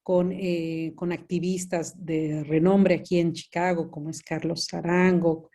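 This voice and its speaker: A woman's voice: on the low side, level tone, unhurried, warm tone. A woman from Mexico City with a Mexican accent, an activist answering interview questions hesitantly, with many fillers and restarts. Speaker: activist guest.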